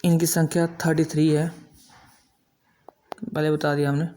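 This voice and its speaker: A middle-aged man teaching a grammar lesson, explaining slowly and drawing out example sounds one by one. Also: fairly high pitch, flat delivery, mellow. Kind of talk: classroom-style grammar lesson.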